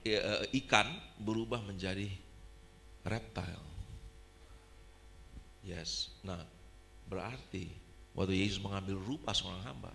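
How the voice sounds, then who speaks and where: A male pastor with an Indonesian accent, preaching a sermon in an animated way that swings between loud, high passages and quiet, low ones, with English phrases mixed in. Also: creaky, a little hiss or hum.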